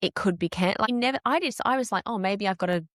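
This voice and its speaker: A woman in her late thirties telling her personal story as a podcast guest, candid and animated, swearing casually. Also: medium pitch, fast talker, no room sound, studio quality. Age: 30s.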